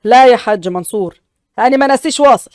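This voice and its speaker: A woman voicing a proud young male village chief with an Upper Egyptian accent, commanding and brisk. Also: fairly high pitch, darkish tone, no echo, clean studio sound, voice pushed down, natural voice. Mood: defiant.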